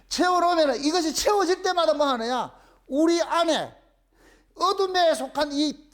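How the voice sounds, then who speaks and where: A middle-aged male pastor with a Gyeongsang accent, preaching a playful sermon and acting out little scenes in voices. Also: extremely high pitch. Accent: Gyeongsang Korean. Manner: animated, playful, acts out phone calls in voices.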